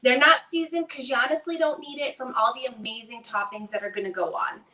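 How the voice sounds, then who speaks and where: A woman's voice: a little high, steady tone, a little fast, bright, forceful tone. A woman with a Boston accent doing a chatty, upbeat live cooking demonstration in a home kitchen. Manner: upbeat, chatty, talks to viewers while working. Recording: echoey kitchen, mic at a distance.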